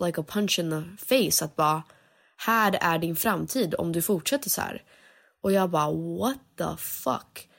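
Young woman, singer, slightly low voice, candid confessional storytelling with English slipped in. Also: vocal fry. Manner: candid, mixes English phrases into Swedish. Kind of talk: personal storytelling.

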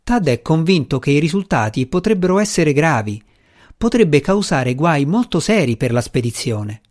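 A man's voice: on the high side, big pitch swings, normal speed, a little mellow. A man voicing a frustrated, insistent male space official who speaks urgently and presses his point.

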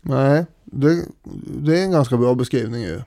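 A man co-hosting a podcast, retelling history in a casual, animated way with many fillers. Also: medium pitch, no room sound, studio quality. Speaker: podcast co-host.

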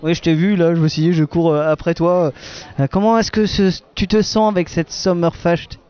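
A man hosting a roving interview at an outdoor wine festival, teasing and joking with guests, halting with many fillers. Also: fairly high pitch, fairly even intonation, a little mellow, clear, resonant tone. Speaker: festival podcast host. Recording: muffled lo-fi recording.

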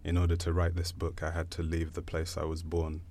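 A poet from Zambia speaking thoughtfully in a panel conversation, pausing often. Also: male voice, deep voice, monotone, darkish tone, slight background noise. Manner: thoughtful, hesitant, many pauses.

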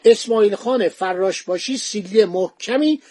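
A man's voice: high-pitched, darkish tone, no room sound. A man hosting a history podcast, telling the story in a conversational, digressive way with frequent fillers.

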